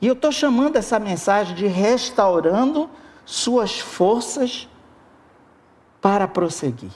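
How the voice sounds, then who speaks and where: A preacher delivering a sermon with an expressive manner, talking straight to the congregation. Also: mid-range voice, takes it slowly. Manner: expressive, addresses the congregation directly.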